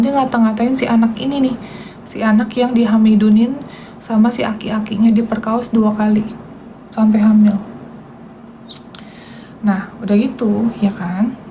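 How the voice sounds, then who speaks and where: A woman's voice: fairly high pitch, warm tone, slight background noise, poor audio. A woman, hosting a casual livestream and talking indignantly and directly to her viewers. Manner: indignant, talks straight to viewers. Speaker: livestream host.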